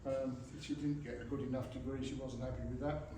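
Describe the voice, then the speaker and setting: A man's voice: mid-range voice, flat delivery, brisk, over music. A middle-aged man gives an informal, humorous father of the bride speech with dry, teasing delivery. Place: large reverberant room at a wedding reception. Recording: very echoey hall, distant mic, noisy room. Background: guests laughing, background noise.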